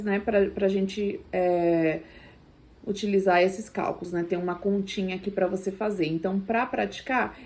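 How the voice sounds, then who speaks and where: A woman with a Brazilian accent teaching an English class in a recorded video lesson, reading vocabulary lists aloud slowly and patiently. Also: medium pitch, a little mellow, slight background noise. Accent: Brazilian Portuguese.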